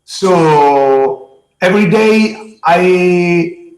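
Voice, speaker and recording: Slow, echoey Italian-accented man, middle-aged. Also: high voice, a little mellow. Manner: halting, simple non-native phrasing. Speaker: geology teacher being interviewed. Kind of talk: interview answers to students. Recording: echoey room.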